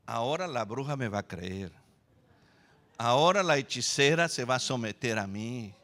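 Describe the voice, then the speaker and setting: A man's voice: mid-range voice, expressive, normal speed, a bit bright, voice pushed down. A man preaching voices a bold male prophet who mocks his rivals in a taunting tone. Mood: smug. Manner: mocking, taunting.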